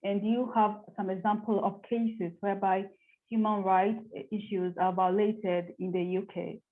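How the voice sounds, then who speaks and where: A woman's voice: medium pitch, little pitch movement, moderate pace. A woman interviewer who asks simple questions and often repeats them. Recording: tinny phone-like line.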